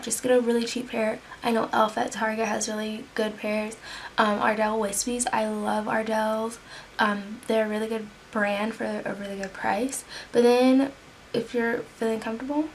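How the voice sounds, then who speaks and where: Young woman, makeup tutorial vlogger, chatty, slightly high voice, faint room noise. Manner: chatty, talks while working, sometimes drops to a whisper. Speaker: beauty vlogger. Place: home.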